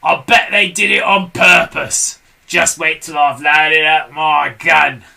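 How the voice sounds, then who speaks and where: A woman reading aloud and voicing a nasty grumpy old man who blusters and shouts. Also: sits low, steady tone, slow, gravelly, exaggerated voice. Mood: blustering. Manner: blustering, loud.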